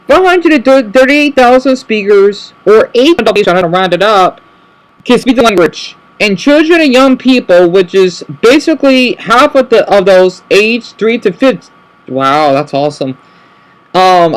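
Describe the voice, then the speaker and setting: Talking loosely to camera, a vlogger with a high male voice rambles, keeps fixing what he just said, and tacks "right?" onto his statements, dropping to a crawl when spelling out words. The audio quality is poor.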